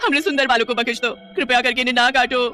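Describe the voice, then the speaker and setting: A woman voicing a loud, frightened village wife in a cartoon who wails and pleads shrilly. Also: on the low side, fairly even intonation, fairly quick, faint music behind, lightly acted. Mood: panicked pleading.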